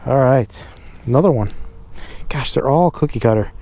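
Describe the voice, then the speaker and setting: A man who vlogs about fishing chats to a chest-harness action camera while casting from a cold, windy pond shore, narrating casually outdoors. He is cold and has a runny nose. His mid-range voice is warm, with lively intonation and a moderate pace.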